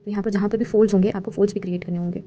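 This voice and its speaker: A woman art tutorial host with a gravelly, dark, medium-pitched voice narrates a painting tutorial at rapid-fire speed. She calmly explains the steps, mixing Hindi and English, on a slightly dull recording with faint hiss.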